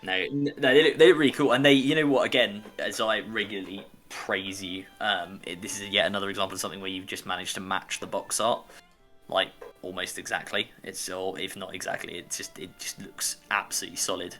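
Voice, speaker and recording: A man with a low voice and a crisp, forward tone, talking enthusiastically in a casual hobby chat. He piles on praise and wanders through his sentences, with faint music in the background. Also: steady tone, a little fast, fairly bright tone. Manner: enthusiastic, complimentary, rambling. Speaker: co-host.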